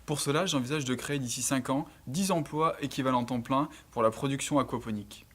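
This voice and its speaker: Man, twenties, from northern France, scripted pitch narration, earnest, measured, mid-pitched. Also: fairly bright tone, slightly rough. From Lille area, northern France. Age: 20s. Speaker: entrepreneur presenting his project.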